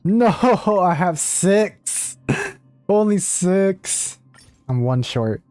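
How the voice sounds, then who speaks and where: With a slightly mellow, mid-range voice that swings widely in pitch, this livestreamer talks extremely slowly. The talk is an easygoing, apologetic running commentary on a game for viewers, set against video game music.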